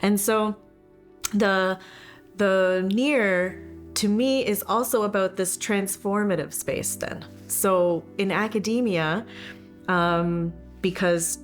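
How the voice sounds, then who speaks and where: A woman giving reflective interview talk in a measured way, searching for her words. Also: medium pitch. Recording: faint music behind.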